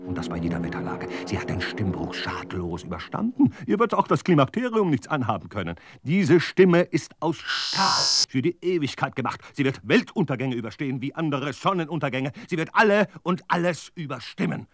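A man with a fairly high-set voice recites a radio art piece in a heavily theatrical way. He swings from ringing, declamatory outbursts down to hushed, low murmurs. The delivery is addressed straight at the listener. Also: huge pitch swings, normal speed, vocal fry, hardly any pauses, loud music behind the voice. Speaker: radio play speaker.

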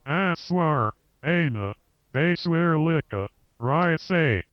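An actor playing an odd foreign uncle in a radio play, repeating set phrases haltingly like a stuck machine. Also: male voice, on the high side, expressive, dry recording, highs cut off. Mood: stilted, halting.

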